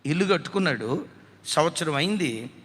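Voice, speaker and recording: Fervent preacher guy, high bright voice, echoey hall. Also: expressive, brisk. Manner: fervent, emphatic, storytelling. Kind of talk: sermon.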